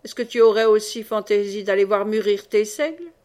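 A woman's voice: mid-range voice, fairly quick, darkish tone, close to an everyday voice. A woman reading the part of a blustering, swearing knight commander in an audiobook. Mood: gruff.

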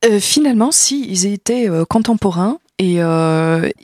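A woman's voice: mid-range voice, expressive, unhurried, darkish tone, dry recording, studio quality. A woman from Germany, a native German speaker, talking in French as a columnist on a casual radio chat, hesitant with many fillers.

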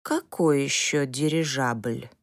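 Old storybook father, low, slow and tired, gruff; a woman reader plays him. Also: no echo, clean studio sound, exaggerated voice. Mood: weary.

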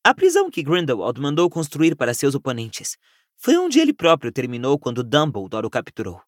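A man's voice: mid-range voice, huge pitch swings, fairly quick, dry recording, clean studio sound. A Brazilian man reading an audiobook, voicing an earnest, reasoning teenage witch girl who pleads and explains patiently. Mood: troubled, explaining. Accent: Brazilian Portuguese. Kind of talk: audiobook character voice.

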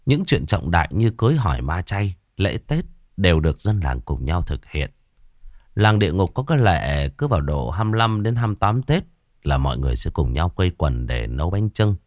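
Deep-voiced male ghost story narrator. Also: sing-song, brisk, no echo, clean studio sound.

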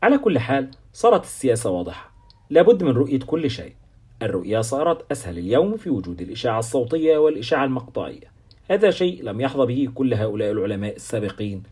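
A man reading a novel aloud as an audiobook narrator, with steady storytelling. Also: medium pitch, slightly rough.

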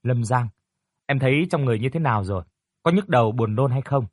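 A man voicing a young doctor who speaks in a measured, polite way. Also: medium pitch, lively intonation, dry recording, clean studio sound, natural voice. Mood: courteous. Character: calm, courteous young male doctor.

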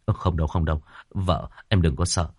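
A man's voice: low-pitched, brisk, a little mellow, slightly rough, no echo, studio quality, pitched below the performer's own voice. A man voicing a panicked young husband who stammers reassurances to his wife.

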